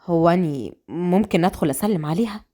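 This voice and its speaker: A woman's voice: lowish voice, fast, pitched below the performer's own voice, lightly acted. Woman doing a cocky young man. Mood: respectful. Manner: provoking, teasing. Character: arrogant young man, the mayor's son.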